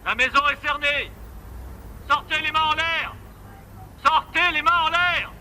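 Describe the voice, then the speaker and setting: An actor playing a police officer who calls out formal, commanding orders through a megaphone to a hostage-taker. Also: male voice, very high-pitched, measured pace, crowd noise, low-quality recording. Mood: stern.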